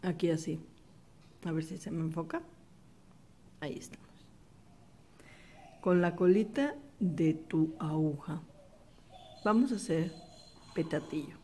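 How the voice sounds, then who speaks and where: A middle-aged woman teaches an embroidery stitch in a slow, patient tutorial. Her voice sits low and mellow, and she softly repeats each step as she works. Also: breathy edge. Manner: calm step-by-step instruction, repeats the steps softly.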